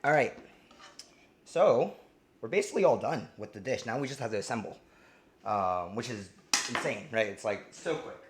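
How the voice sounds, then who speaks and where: Lively intonation marks this mid-range male voice, which moves at a normal speed with long pauses. A guy from New Jersey runs a casual cooking livestream, chatting loosely, reading chat, and often saying um or starting over.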